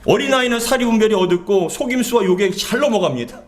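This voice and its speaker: A man preaches a Sunday sermon in a church, speaking high in his register. His voice swings widely up and down as he repeats his key phrases and puts questions to the congregation. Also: expressive, fast talker. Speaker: pastor. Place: church sanctuary.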